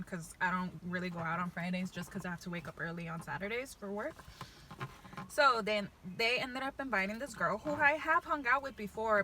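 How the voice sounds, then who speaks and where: Bright-voiced young woman chatting while chewing. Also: mid-range voice. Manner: chewing and eating while talking; slangy, chatty. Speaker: vlogger. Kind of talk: casual storytime while eating.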